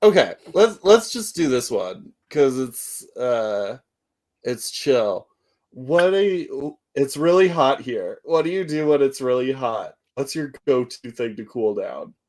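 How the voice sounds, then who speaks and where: A man's voice: medium pitch, very animated, slow, a little mellow. A man co-hosting a podcast, chatting casually in a rambling, self-deprecating way and laughing often. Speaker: podcast co-host. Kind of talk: casual chat.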